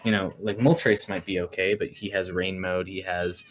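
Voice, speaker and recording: Low-voiced man chatting, faint background noise. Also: little pitch movement, moderate pace, poor audio. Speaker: co-host. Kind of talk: casual analysis chat. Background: faint noise, cat meowing at times.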